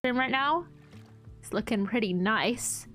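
A woman's voice: on the high side, lively intonation, measured pace, fairly bright tone, soft background music. A young woman streaming a video game, chatting casually and breaking into frequent giggles and squeals. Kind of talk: casual gameplay commentary.

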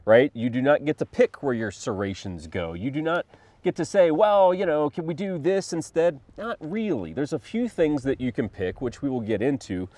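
A man's voice: mid-range voice, sing-song, moderate pace, a little mellow, dry recording. Rambling man with a slight cough. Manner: rambling, filler-heavy, thinks aloud. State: slight cough, under the weather. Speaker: co-host of a firearms review channel. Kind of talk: casual review chat.

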